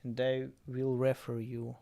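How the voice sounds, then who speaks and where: A man streaming a drone-flying game, chatting casually in halting English. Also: mid-range voice, monotone, gravelly, dark tone. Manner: halting, self-correcting non-native English.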